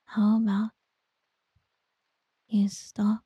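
A woman doing a whispered ASMR girlfriend roleplay, soft, teasing and doting. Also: mid-range voice, completely flat delivery, very slow, husky, no room sound.

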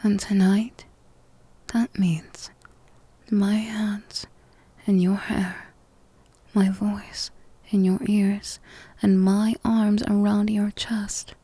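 Whispering right up against the microphone, a woman performs a slow, comforting ASMR roleplay. Her mid-range voice stays breathy, mellow, and even throughout. The recording is dry, with no sense of the room.

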